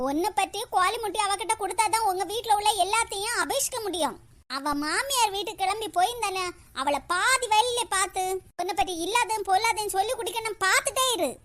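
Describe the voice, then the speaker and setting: Woman putting on a shrill scheming village gossip. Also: fairly bright tone. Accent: Kanyakumari Tamil. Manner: mocking, sing-song taunting.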